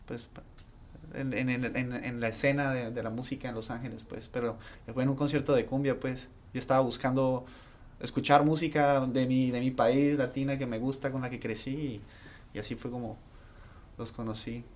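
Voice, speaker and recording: Halting man in conversation. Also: medium pitch, little pitch movement, darkish tone. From Colombia. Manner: halting, searching for words. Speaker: band member. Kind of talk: casual conversation.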